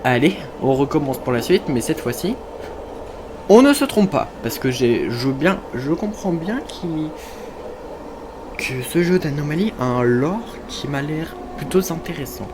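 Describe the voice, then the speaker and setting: A man commentates on his own gameplay for viewers in a casual let's-play, chatty and poking fun at himself. His voice is fairly high, expressive and a bit slow, with noticeable background noise in the recording.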